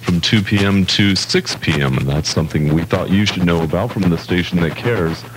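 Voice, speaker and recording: Deep-voiced male radio announcer. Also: moderate pace, slight background noise, rough recording. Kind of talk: scripted public service announcement.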